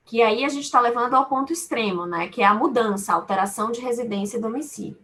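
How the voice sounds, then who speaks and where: A lawyer from a law firm, sitting on a panel, gives an unscripted webinar talk with a Salvador, Bahia Brazilian accent. Her voice is on the high side, fast and fairly bright. She teaches as she goes, using everyday examples and repeating her phrasing.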